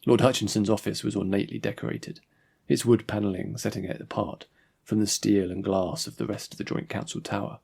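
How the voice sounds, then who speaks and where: A man reads his own audiobook story in a measured, even storytelling manner. His voice sits low and carries a gravelly, husky texture. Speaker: author and narrator. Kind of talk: scripted audiobook narration.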